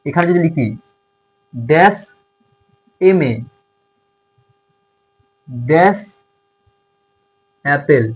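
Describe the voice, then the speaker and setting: A man's voice: on the high side, expressive, extremely slow, pauses often, poor audio. A male tutor with a Bengali accent teaching a grammar lesson, asking his students questions and answering them himself.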